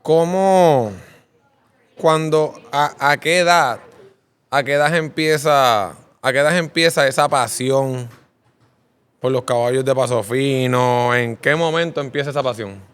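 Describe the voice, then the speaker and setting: Male host, upbeat, clear smooth voice. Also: medium pitch, unhurried, fairly bright tone. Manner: upbeat, repeats "¿verdad?" as a filler. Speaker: interviewer host. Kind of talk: casual interview.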